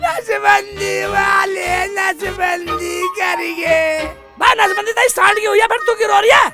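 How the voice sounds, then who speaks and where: Brief: male actor as a squeaky-high, gravelly comic fool, blubbering and shouting, music bed under him. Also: normal speed, heavily acted. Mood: blustering. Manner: wailing theatrically, shouting, blubbering. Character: bumbling foolish man Sheikh Chilli, loud and weepy. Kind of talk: low-budget comedy film acting. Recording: background music under dialogue.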